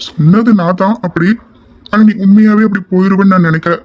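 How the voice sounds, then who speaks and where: A man's voice: high voice, steady tone, quick pace, muffled recording, close to an everyday voice. A young man voicing an affectionate, shy young man in an audio drama, speaking in an earnest, tender, pleading way. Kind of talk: amateur audio drama acting.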